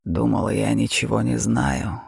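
An actor playing a huge, cruel, mocking male dragon in an audiobook, growling slowly and sneering. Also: on the low side, gravelly, husky, no room sound, clean studio sound, exaggerated voice. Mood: menacing. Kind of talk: audiobook acting.

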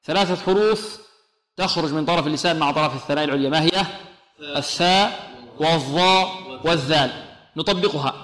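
Man, Quran recitation teacher, bright forceful voice, slow demonstrated recitation, echoey room. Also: on the high side. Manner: asks questions and answers them, repeats sounds slowly to demonstrate. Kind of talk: tajweed lesson with recited demonstrations.

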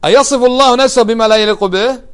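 A middle-aged man teaches a religious text. His voice sits fairly high for a man. He talks in an animated way, asking his listeners short questions and answering them himself. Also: rapid-fire, clean tone. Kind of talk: lecture explaining a religious text.

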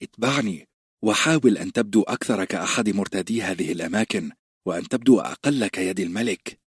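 A sly courtier who mocks everyone, voiced by a male narrator in an audiobook. The voice is low with a husky grain, recorded close and dry. He talks smugly, with a teasing edge. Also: fast talker, no echo. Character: sly, mocking small courtier man.

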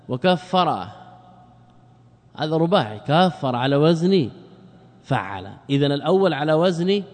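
A sheikh's slightly mellow, higher-pitched voice fills a large hall as he teaches Arabic grammar in a classroom lecture. He keeps asking his own questions, answering them, and repeating words to stress them.

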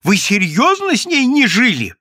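A man's voice: very high-pitched, wildly swooping pitch, normal speed, sharp tone, dry recording, clean studio sound, pitched above the performer's own voice, full character voice. A man voicing an anxious middle-aged clerk who pleads and urges in an agitated way.

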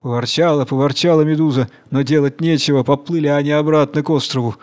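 A man reads a fairy tale aloud in an even, measured storytelling voice, his pitch sitting a little high for a man. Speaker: narrator.

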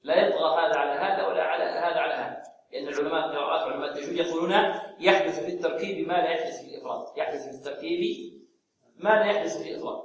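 A man teaching Quran recitation rules, who asks his class questions and then answers them himself and draws out words slowly to show how they are said. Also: on the high side, dull audio, slight background noise. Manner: demonstrates pronunciation slowly and drawn out. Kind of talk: tajweed lesson. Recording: very echoey room, voice far from the mic.

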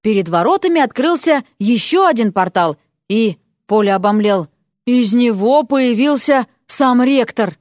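A woman narrating a fantasy audiobook in a lively, expressive way. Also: a little high, a little slow, dry recording, clean studio sound.

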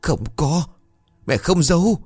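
A frail old village mother, pleading and near tears, voiced by a male narrator. Her voice climbs high and swings widely. It is recorded dry and close, with faint music underneath. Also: very animated, normal speed, darkish tone, dry recording.

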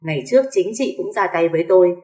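A woman's voice: on the low side, fast, darkish tone, close to an everyday voice. A woman voicing a spiteful young sister-in-law. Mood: sneering. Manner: spiteful, sneering. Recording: echoey room.

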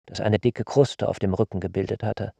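Gravelly, measured male narrator. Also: on the low side, no room sound, muffled recording. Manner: measured, calm storytelling. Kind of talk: literary radio narration.

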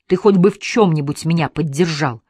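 A reader voicing a weary defensive young wife. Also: female voice, sits low, fairly quick, dark tone, husky, dry recording, studio quality. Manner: defensive, pleading. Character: tired young wife, defensive, near tears.

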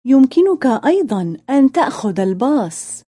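Female phrasebook reader, high-pitched and mellow, deliberate lesson delivery. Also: very animated, breathy edge. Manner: deliberate repetition-drill delivery. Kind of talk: scripted phrasebook narration.

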